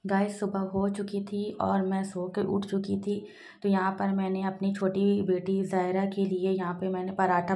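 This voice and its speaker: A woman's voice: on the low side, darkish tone, roomy sound. A woman in her thirties, a mother, narrating her daily vlog in a plain, homely way with many fillers.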